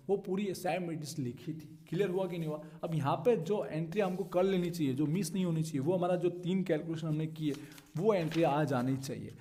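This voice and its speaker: Guy teaching accounts, kinda high voice but soft and mellow, keeps asking if it's clear. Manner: steady teacherly walkthrough, checks in with students. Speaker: commerce tutor. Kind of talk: explaining an accounting solution.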